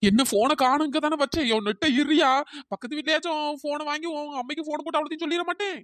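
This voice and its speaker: Voice actor doing a cartoon wife, pitch-shifted, melodramatic, bossy, suspicious, fast-talking. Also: fairly bright tone, no echo, studio quality. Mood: scolding. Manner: wailing, accusing, melodramatic. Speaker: cartoon character. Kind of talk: comic cartoon dialogue.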